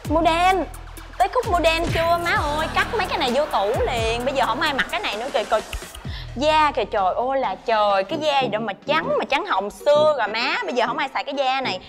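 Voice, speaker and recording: A woman's voice: high-pitched, expressive, fast, over loud music. An actress playing a flashy, bossy woman who mocks her plain friend. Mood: bossy mocking. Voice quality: loud, bossy, mocking. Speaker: actress in a TV drama.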